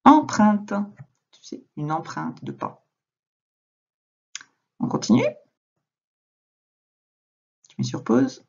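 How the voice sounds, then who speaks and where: A woman teacher recording a reading lesson for a young child at home, speaking slowly and patiently, addressing the child directly. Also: low-pitched, big pitch swings, creaky, mellow, husky, highs cut off. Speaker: primary school teacher.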